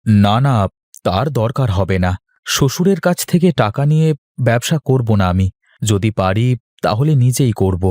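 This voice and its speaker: A man with a lowish, darkish, natural voice performs animatedly at normal speed in studio quality with no room sound. The Bengali cartoon role is a weary, worried but proud office-working husband, plain-spoken and homely in his complaints.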